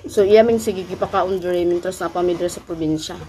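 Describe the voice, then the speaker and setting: A woman's voice: fairly low pitch, fairly even intonation, mellow, a little hiss or hum. A woman vlogger chatting casually to her viewers about the food she is eating in the countryside. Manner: slow, unhurried talk to viewers, mixing in English words. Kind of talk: casual food vlog chat. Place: outdoors in the countryside.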